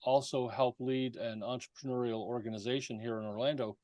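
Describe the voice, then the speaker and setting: A man's voice: medium pitch, fairly even intonation, brisk, a little mellow, dry recording. Easygoing man, dry close sound. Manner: easygoing, joking, with fillers. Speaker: guest, content writer. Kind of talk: casual interview chat.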